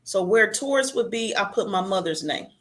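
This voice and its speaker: A woman chatting casually, telling personal stories with a warm, conversational flow. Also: medium pitch, lively intonation, moderate pace. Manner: chatty, storytelling.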